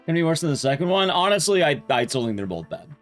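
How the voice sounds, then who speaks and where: A man who livestreams and speedruns chats casually with his viewers while playing a game. His voice is on the high side and sing-song, he talks fast, and faint music plays behind him.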